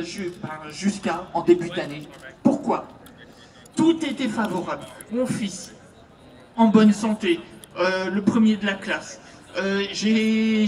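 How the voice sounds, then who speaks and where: A woman's voice: mid-range voice, a little mellow, echoey room, distant mic. A woman from France with a French accent, an activist speaking to a festival crowd through a handheld microphone, chatty and hesitant with many fillers. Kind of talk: public speech at a festival. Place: outdoor festival stage.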